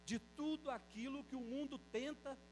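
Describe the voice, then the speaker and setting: High-voiced Brazilian priest preaching. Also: male voice, faint music behind, rough recording. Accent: Brazilian Portuguese. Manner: slows down to read scripture aloud, tells folksy jokes. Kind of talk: Sunday homily.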